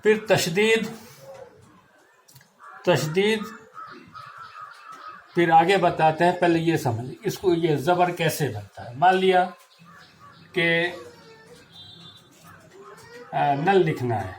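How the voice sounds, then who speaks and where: A man with a slightly raised voice teaches a grammar lesson, slowly and patiently spelling out letters and marks. A faint hum of room ambience sits underneath. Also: fairly high pitch, animated, rough recording.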